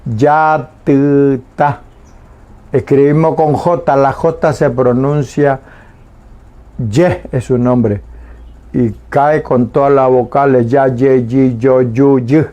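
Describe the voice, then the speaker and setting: A man teaching a language lesson on the radio, saying each word slowly and repeating it twice with pauses. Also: medium pitch, steady tone, mellow. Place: radio studio.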